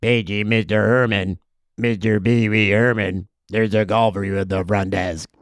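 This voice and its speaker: A host mimicking a soft hotel lobby page. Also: male voice, fairly low pitch, fairly even intonation, normal speed, dry recording, pitched below the performer's own voice, lightly acted. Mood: mock paging. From Canada. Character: man imitating a bellhop's hotel page.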